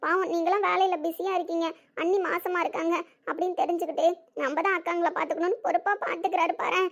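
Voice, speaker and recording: A woman's voice: very high voice, fairly even intonation, fast. A woman playing a tearful young wife who earnestly pleads for her husband in a family skit. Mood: earnest pleading. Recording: dull lo-fi recording.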